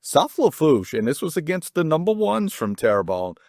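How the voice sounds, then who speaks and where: A middle-aged man hosting a casual high school sports talk show, rambling and chatty, with frequent restarts and self-deprecating jokes. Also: big pitch swings, normal speed, darkish tone, dry recording, studio quality.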